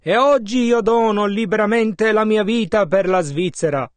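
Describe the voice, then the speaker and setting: A man interpreting a sermon, measured and following the preacher's emphasis. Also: sits high, no echo.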